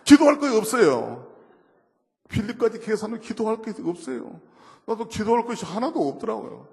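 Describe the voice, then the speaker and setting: A man giving a lively testimony sermon at a church, telling stories with acted quotes and moving from soft murmurs to loud outbursts. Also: high voice, moderate pace, gravelly, in a large hall. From South Korea. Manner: storytelling with acted quotes, laughing, shifts from murmur to shouting. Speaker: guest speaker at a church service.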